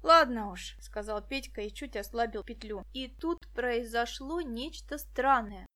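A woman narrating a children's adventure audiobook in a lively way. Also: on the high side, measured pace. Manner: lively, plays all the figures. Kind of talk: scripted narration.

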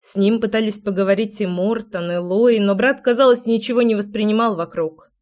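Female audiobook narrator, steady dramatic reading. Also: mid-range voice, fairly quick. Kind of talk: scripted narration.

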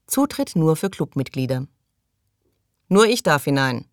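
A woman reading the lines of a coarse, sneering man in an audiobook, scornful and crude, her voice low and the sound dry. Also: very animated, a little slow, no room sound.

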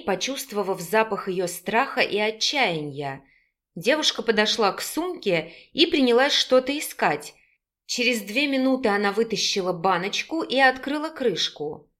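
A woman narrating an audiobook in a steady, measured storytelling manner. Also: mid-range voice.

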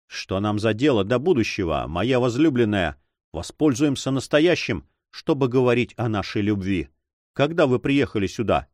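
A man's voice: medium pitch, lively intonation, normal speed, a little mellow, dry recording, clean studio sound, close to an everyday voice. A man reading an audiobook, voicing a passionate young man who speaks fervently and pleadingly. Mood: ardent.

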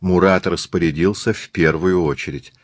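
A man reading a calm, coy young woman. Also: low voice, moderate pace, no echo, clean studio sound.

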